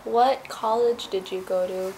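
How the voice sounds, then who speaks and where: A woman asking short, gentle questions in an oral history interview. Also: medium pitch, fairly even intonation, a little slow, noisy background.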